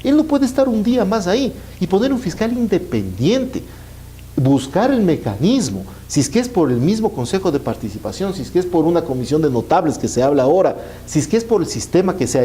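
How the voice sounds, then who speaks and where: Male Ecuadorian politician as interview guest, mellow but emphatic, animated intonation. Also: a little high, fairly quick. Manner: emphatic, enumerates his points.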